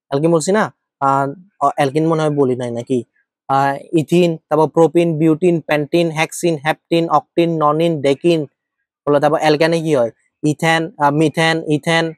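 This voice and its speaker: A man's voice: fairly high pitch, no room sound, clean studio sound. A male chemistry teacher giving an informal lecture, asking and answering his own questions and checking in with students often. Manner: asks and answers his own questions, thinks aloud while writing.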